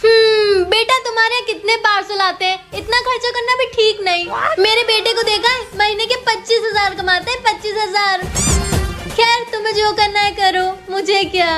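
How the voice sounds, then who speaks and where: A woman's voice: extremely high pitch, fairly even intonation, normal speed, over music. A woman playing a nosy, gossiping middle-aged neighborhood aunty who hints and snoops in a comedy skit. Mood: gossipy. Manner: gossipy, insinuating.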